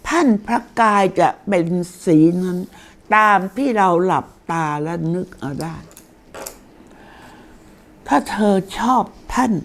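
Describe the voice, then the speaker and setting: An older woman giving a chatty, informal lesson on deity names, explaining slowly and reading names aloud. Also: fairly low pitch, creaky, a little hiss or hum.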